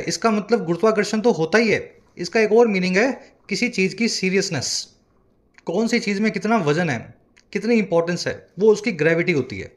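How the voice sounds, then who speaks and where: A man teaching as an English tutor, lecturing a class on a newspaper article with energy and reading English lines slowly. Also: sits high. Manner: energetic teacher, explains words slowly, reads English aloud slowly.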